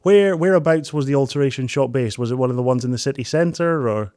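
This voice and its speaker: A man hosting an interview podcast, energetic and excitable, chatting casually and laughing often. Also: mid-range voice, quick pace, clear, resonant tone, no echo, studio quality. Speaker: podcast host.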